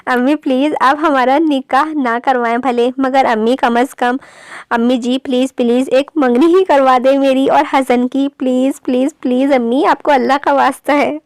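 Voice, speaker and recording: Woman reading a playful young man, pleading, whiny, high clear voice, dry sound. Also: steady tone, dry recording.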